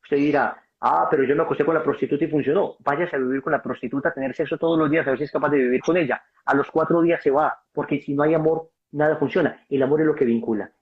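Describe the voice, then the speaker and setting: A man's voice: on the high side, fairly even intonation, fast, few pauses. Emphatic man preaching on a call. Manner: emphatic, acts out dialogue, addresses listener as brother. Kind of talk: passionate preaching-style talk. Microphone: video call. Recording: dull lo-fi video call audio.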